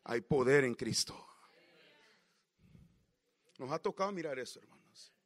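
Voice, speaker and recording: A man preaching a sermon with passion, swinging from loud outbursts to low, quiet murmurs. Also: animated, unhurried.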